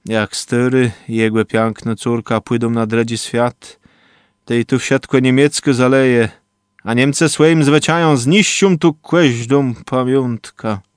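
A man's voice: mid-range voice, steady tone, slow pace, clean tone, no echo, studio quality, lightly acted. A man voicing a grave, knowing older man who warns of doom in an urgent tone.

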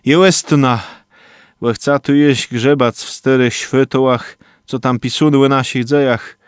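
A man's voice: mid-range voice, steady tone, measured pace, clean tone, no room sound, studio quality, natural voice. A man voicing a grave, knowing older man who warns of doom in an urgent tone.

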